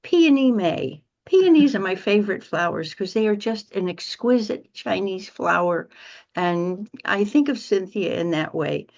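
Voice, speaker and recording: A woman co-hosting a podcast interview, speaking in an unhurried, complimentary way. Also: medium pitch, lively intonation, creaky, a little mellow, highs cut off. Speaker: podcast co-host.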